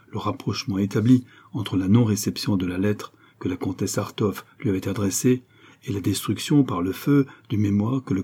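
A man reads a classic novel aloud in a measured, expressive storytelling manner. His voice sits low and mellow, with a husky, slightly breathy texture. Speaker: audiobook reader. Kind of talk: audiobook narration.

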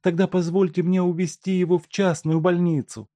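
A man's voice: sits high, little pitch movement, fairly quick, dark tone, no room sound, voice pushed up, close to an everyday voice. A man reading aloud and voicing a desperate, tearful wife who pleads with a doctor for her husband. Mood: pleading. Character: desperate grieving wife, middle-aged woman.

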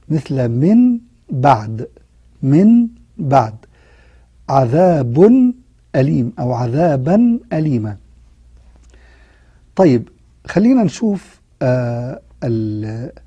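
A man with an Egyptian accent teaching Quran recitation in a recorded online lesson. He explains patiently and slows down to demonstrate each sound. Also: a little high, warm tone, husky, no echo, highs cut off. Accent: Egyptian Arabic.

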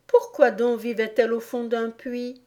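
Woman doing a storybook girl, curious, eager, higher and questioning. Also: level tone, measured pace, warm tone, close to an everyday voice. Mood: inquisitive. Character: earnest, inquisitive young girl. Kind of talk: audiobook character voice.

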